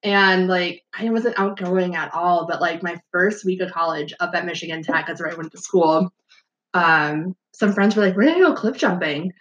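A woman's voice: fairly low pitch, moderate pace, a bit bright, muffled recording. A young woman from Wisconsin, chatting casually on a podcast and saying "like" often. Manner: chatty, says "like" a lot, laughs often. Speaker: podcast guest. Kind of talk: casual chat.

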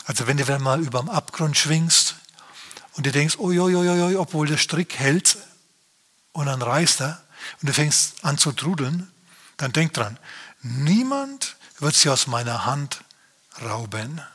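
A man's voice: a little high, lively intonation, measured pace, sharp tone, breathy edge. A man preaching a sermon as pastor, speaking earnestly and straight to his listeners.

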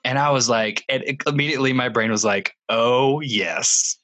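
A young man co-hosting a podcast, telling animated stories, acting out other people's voices and laughing often. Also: medium pitch, fast. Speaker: podcast co-host. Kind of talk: casual storytelling chat.

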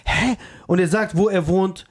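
A man co-hosting a casual podcast, chatty and quick to react, retelling stories. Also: on the high side, darkish tone. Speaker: podcast co-host. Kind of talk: casual chat.

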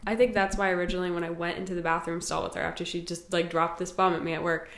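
Co-host, young woman, earnest and reassuring, lowish voice, roomy echo. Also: level tone, very fast, a bit bright. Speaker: podcast co-host. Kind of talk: casual chat. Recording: roomy echoey room.

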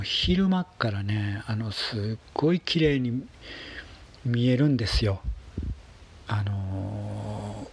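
A man speaks in a husky, breathy voice at a medium pitch. He talks casually on his own, unhurried and halting, letting phrase ends trail off softly. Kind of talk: casual monologue about home life.

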